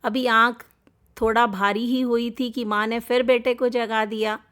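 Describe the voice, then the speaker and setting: A middle-aged woman narrating a moral story in a gentle, measured storytelling manner. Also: a little high, level tone, clear, resonant tone.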